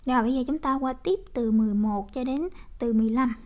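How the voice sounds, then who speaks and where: A woman's voice: fairly high pitch, fast talker, a little mellow. A woman with a Vietnamese accent teaching an online English vocabulary lesson, reading each word three times and naming its stress.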